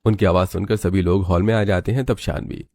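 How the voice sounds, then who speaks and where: A man narrating a scripted family story in a steady storytelling manner. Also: low-pitched, fairly quick, slight background noise.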